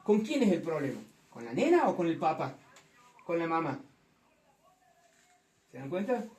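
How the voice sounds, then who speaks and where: A woman preaching a fervent sermon to a congregation, rising to loud emphatic passages. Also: low-pitched, very animated, moderate pace. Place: church hall. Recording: echoey hall from far off.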